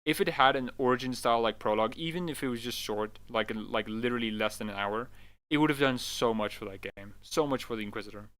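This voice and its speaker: A man hosting a casual live stream about games, excitable, swearing often and calling everyone dude. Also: medium pitch, fast talker, no room sound. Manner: excitable, swears a lot, keeps saying "dude". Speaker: livestream host.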